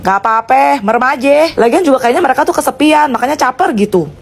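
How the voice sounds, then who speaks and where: A woman's voice: high-pitched, expressive, fast talker, creaky. A woman acting in a comedy skit, with brash, cocky delivery full of slang. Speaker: comedy sketch actor.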